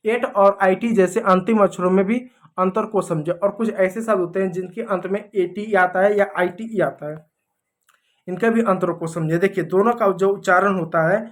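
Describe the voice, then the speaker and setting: Hindi-speaking teacher explaining English spelling. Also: male voice, high voice. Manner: repeats examples, checks in with "ठीक है". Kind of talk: explanatory lesson over slides.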